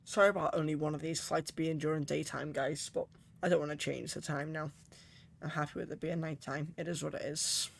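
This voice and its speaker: A man's voice: fairly high pitch, fairly even intonation, a little fast, gravelly, slight background noise. A man chatting casually on a livestream as a virtual pilot, murmuring asides to himself and reading back radio calls. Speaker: flight sim streamer, virtual pilot.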